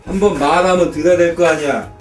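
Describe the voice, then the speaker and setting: A man playing an angry drunken father who yells and curses at his child and wife, with music playing behind. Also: on the high side, fast talker, close to an everyday voice. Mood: angry scolding. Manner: yelling, cursing, contemptuous. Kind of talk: amateur campaign drama.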